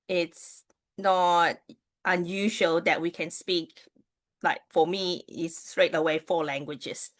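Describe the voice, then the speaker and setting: Chatting casually on a livestream, a Malaysian Chinese astrology reader, a native Mandarin speaker, talks with viewers amid frequent fillers and restarts. She has a medium-pitched, fairly bright voice.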